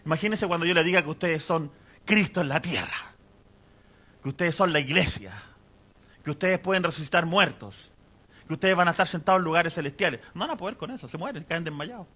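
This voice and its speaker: A man preaches a sermon in a bright, forceful voice that sits a little higher than most men's. He keeps it conversational, putting questions to the congregation as he goes. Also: animated, fairly quick. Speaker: pastor.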